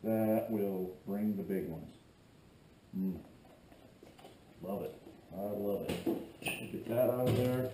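A man's voice: on the low side, slow, long pauses, mellow. A middle-aged man hosting a casual how-to vlog, joking and rambling while he works in a cluttered garage workshop, filmed from a camera set back from him. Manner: joking, rambling, chatty asides while working. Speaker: fishing video host. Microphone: far camera on a tripod. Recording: echoey garage with faint hum.

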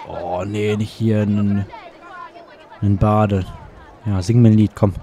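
A man's voice: on the low side, little pitch movement, slow pace, warm tone, soft background music, a faint crowd. A man commenting casually on his gameplay, chatty and sarcastic, grumbling at the game as he plays. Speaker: let's play gamer.

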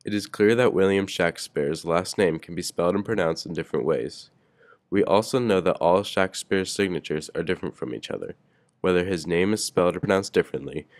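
A man's voice: sits low, brisk. A man narrating a school project presentation, reading steadily from a script. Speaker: student presenter.

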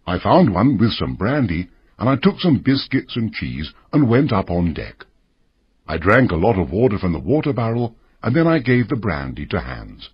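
A man reading a story aloud in a measured, expressive way for English learners. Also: on the low side, husky, no room sound, highs cut off. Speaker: narrator.

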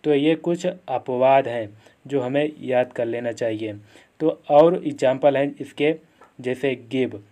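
A man teaching English pronunciation, explaining slowly and repeating each example word. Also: mid-range voice, mellow. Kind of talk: classroom lesson.

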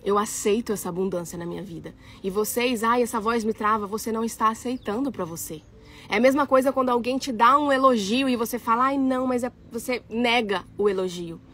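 A woman's voice: fairly high pitch, fairly quick, a bit bright. A young woman from Brazil, an architect and influencer, chatting casually to her followers and reading their comments, emphatic and given to repeating phrases. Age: young adult. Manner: emphatic, repeats phrases, addresses audience as gente.

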